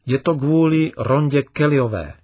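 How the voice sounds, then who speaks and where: A man's voice: mid-range voice, no room sound, recorded from a distance, lightly acted. A man voicing an upset young girl. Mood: angry. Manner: raised, emphatic and complaining.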